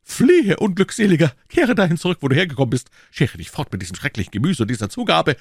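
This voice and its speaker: A man's voice: medium pitch, big pitch swings, quick pace, vocal fry, a bit bright, slightly rough, no echo, clean studio sound, voice pushed up, full character voice. A man voicing a young musketeer in an audiobook, theatrical and declamatory, swinging between gloom and rapture. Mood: blustering. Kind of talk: audiobook character voice.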